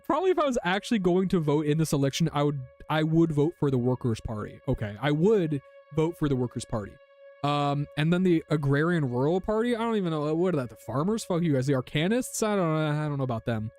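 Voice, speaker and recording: A man's voice: on the high side, lively intonation, quick pace, darkish tone, soft background music. A man streaming a story game, reacting casually, thinking aloud and laughing often. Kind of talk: casual livestream commentary.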